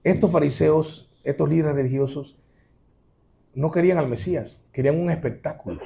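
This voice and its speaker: A man preaching a sermon as pastor, addressing the congregation as brothers with rhetorical questions and swinging between loud emphatic exclamations and quiet low asides. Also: normal speed, vocal fry.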